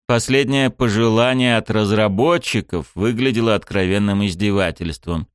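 A man narrating an audiobook in a lively, wry storytelling manner. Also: fairly low pitch, normal speed, clean tone, no room sound, clean studio sound.

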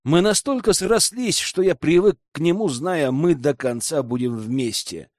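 Lively, expressive male audiobook narrator. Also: on the high side, unhurried, dry recording, studio quality. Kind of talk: first-person audiobook narration.

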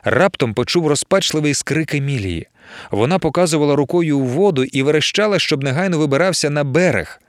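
A man reading a novel aloud as an audiobook narrator, expressive storytelling. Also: a little high, fairly quick, no echo, clean studio sound. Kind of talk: scripted narration.

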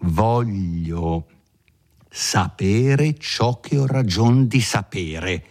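A man's voice: fairly low pitch, animated, very slow, darkish tone, full character voice. A man voicing a hot-tempered young peasant who presses and threatens with insistent demands. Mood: angry demanding.

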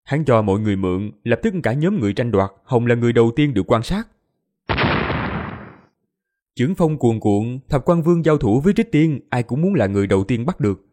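A man narrating a fantasy audiobook in an expressive storytelling manner. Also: medium pitch, a little fast. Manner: expressive storytelling, voices all characters.

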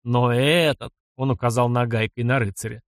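A man voicing a cruel, vengeful old nomad chieftain who speaks in slow, growling commands. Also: medium pitch, steady tone, no echo, clean studio sound, lightly acted. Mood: cold menace.

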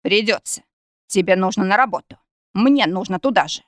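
A woman's voice: medium pitch, moderate pace, no room sound, studio quality, lightly acted. A woman reading as a stern, patient male lord.

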